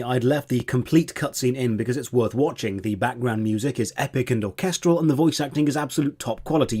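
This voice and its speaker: A man with a mid-pitched voice narrates a scripted video essay. He presents as a game reviewer, explaining in prepared sentences. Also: a little mellow.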